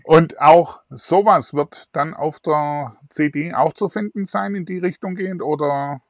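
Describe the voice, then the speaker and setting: A man's voice: fairly high pitch, unhurried, no room sound, clean studio sound. A middle-aged man hosting an online interview, chatty and full of fillers, talking into a lapel mic. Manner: chatty, filler-heavy questions. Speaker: host. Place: indoors in front of a virtual backdrop.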